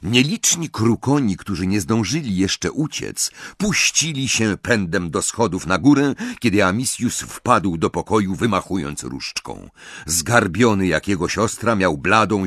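A man narrating an audiobook in a measured, dramatic storytelling manner. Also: low-pitched, fairly bright tone, no echo, clean studio sound.

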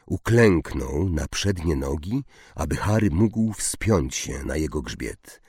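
A man reading a fantasy novel aloud as an audiobook narrator, slow and expressive. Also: very deep voice, slightly rough, no echo, clean studio sound.

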